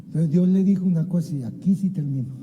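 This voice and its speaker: Impassioned male pastor, warm dark voice. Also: a little high, fast talker, in a large hall, poor audio. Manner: impassioned, keeps addressing listeners as "hermano"; acts out biblical dialogue. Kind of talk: sermon. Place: church sanctuary.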